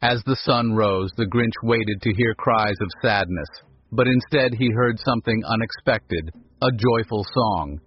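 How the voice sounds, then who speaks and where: A man narrating a scripted storybook in a calm, measured manner, over a dull recording with faint music. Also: fairly low pitch, breathy edge.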